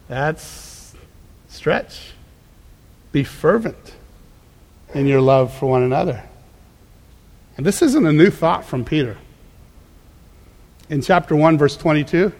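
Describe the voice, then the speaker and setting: A man's voice: on the high side, long reverb tail. A man preaching a conversational sermon as a pastor, emphatic and prone to repeating words as he goes. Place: church.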